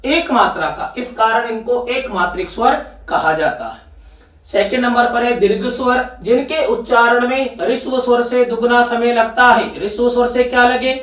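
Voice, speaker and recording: A man with an extremely high, fairly bright voice teaches an exam-prep Hindi grammar lesson at a moderate pace, speaking with a Rajasthani Hindi accent. He repeatedly poses questions and then answers them himself. The room is echoey, and his voice is captured from a distance.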